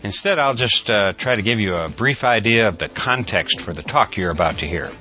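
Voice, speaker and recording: An older American man giving a conversational, reflective introduction in a measured storytelling way, like a podcast host. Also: on the low side, animated, pushed and bright, muffled recording. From United States.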